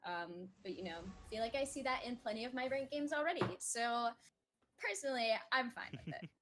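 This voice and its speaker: A woman's voice: on the high side, brisk, noisy background. A woman giving color commentary on a live esports match over a headset, chatty and full of fillers. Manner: hesitant, many fillers, chatty. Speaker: esports co-caster.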